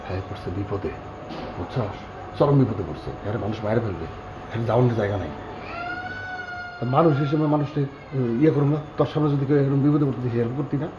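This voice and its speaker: An actor playing a flustered bachelor who talks in a hushed, urgent way. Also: male voice, medium pitch, fast, pauses often, lightly acted. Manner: hushed and urgent, pleading for quiet. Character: flustered bachelor hiding a foreign woman. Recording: echoey, dull and noisy location sound.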